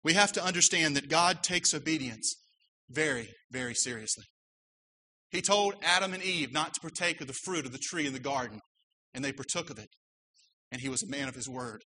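Man preaching a sermon, bright tone, slightly high voice, earnest and emphatic. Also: brisk, low-quality recording. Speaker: pastor.

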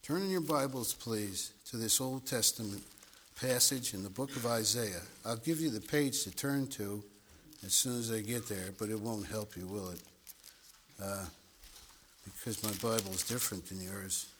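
A man preaching a sermon in a church at a pulpit microphone. He speaks deliberately, repeats words and swells to emphatic high points. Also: fairly bright tone, slight background noise.

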